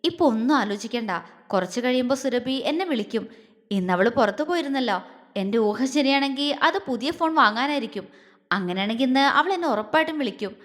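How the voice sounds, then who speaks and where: Woman doing a serious protective guy, calm and firm, storybook audio with a long echo. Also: high-pitched, fairly quick. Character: grown man, protective, stern, tender lover.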